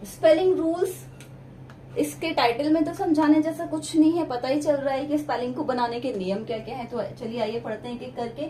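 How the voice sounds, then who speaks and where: High pitched lady teaching spelling rules, asks questions as she goes, roomy echo, faint hum behind. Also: steady tone, a little fast, dark tone. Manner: explains step by step with repeated questions. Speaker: English grammar teacher. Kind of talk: exam-prep lesson.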